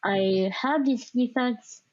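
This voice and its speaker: A woman with a speech impediment, born in Vietnam and raised in the United States, is a podcast guest telling her life story. Her voice sits on the high side and she speaks slowly, in an informal, reflective interview style sprinkled with "like," through a dry, muffled recording.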